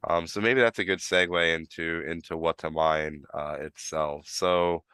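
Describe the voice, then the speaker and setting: A man's voice: deep voice, fairly even intonation, measured pace, pushed and bright, clear, resonant tone, no echo. A man with a New York accent, tinged with Florida, hosting a live stream and explaining things in a rambling, casual way full of fillers and restarts. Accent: New York, with some Florida.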